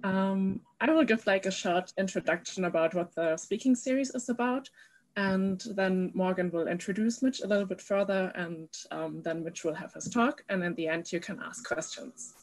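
A woman's voice: medium pitch, normal speed. A young woman hosting an online lecture series, giving a hesitant, informal introduction over a video call. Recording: noisy video-call audio.

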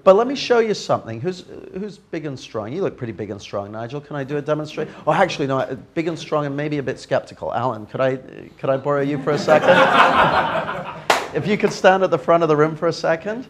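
Before a live audience in a training room, an NLP trainer runs a workshop demonstration, playfully coaxing a volunteer and staying animated with the group. His fairly high voice moves fast with hardly any pauses.

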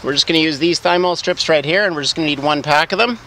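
A man's voice: on the high side, quick pace, bright, forceful tone, a little hiss or hum, low-quality recording. Upbeat man demonstrating beekeeping outdoors. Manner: friendly, explains step by step while working. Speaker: beekeeping vlogger. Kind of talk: casual how-to vlog. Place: outdoors in a garden beside beehives.

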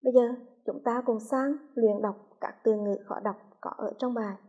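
A woman from Hue with a Vietnamese accent, a primary school teacher reading a lesson slowly and clearly to young children. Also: on the high side, fairly even intonation, dark tone, muffled recording. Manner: slow, clearly articulated, patient.

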